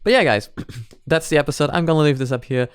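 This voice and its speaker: A fairly high-pitched man talks fast in a clear, resonant voice, recorded cleanly in a studio with no echo. He's a video reviewer reacting off the cuff to an animated parody series, rambling, hesitating and repeating himself.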